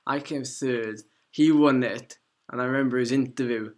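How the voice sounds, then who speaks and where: Man, mid-pitched, wry and understated, on a video call. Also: steady tone, moderate pace, darkish tone. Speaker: guest. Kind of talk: casual chat.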